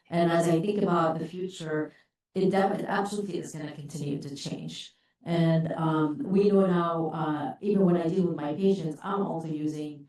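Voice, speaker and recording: Middle-aged woman professor, low voice, chatty, big echo. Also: dark tone. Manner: conversational, candid. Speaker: professor of obstetrics. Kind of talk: panel introduction. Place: conference hall. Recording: echoey conference hall.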